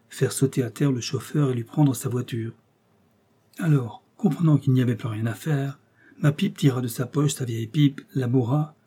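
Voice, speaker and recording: Dark, husky male audiobook narrator. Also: mid-range voice. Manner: steady, measured reading.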